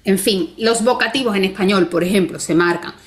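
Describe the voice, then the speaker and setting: A woman's voice: mid-range voice, a little fast. A woman guest explaining punctuation in a conversation, patient and methodical, often checking in with tag questions. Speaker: Spanish language expert guest.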